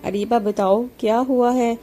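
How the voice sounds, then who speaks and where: A woman voicing a young husband who talks plainly and is sometimes sharp. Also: a little high, fairly even intonation, faint music behind, lightly acted. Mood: caring. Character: young husband, loving but stern at times.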